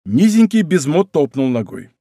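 A man narrating an audiobook in an expressive, animated way. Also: on the high side, moderate pace, dry recording, clean studio sound.

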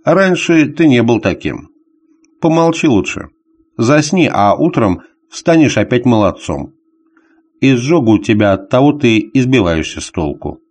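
A man voicing a gruff, weary male traveler on a dog sled in an audiobook, grumbling and blunt. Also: mid-range voice, very animated, measured pace, darkish tone. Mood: sleepy.

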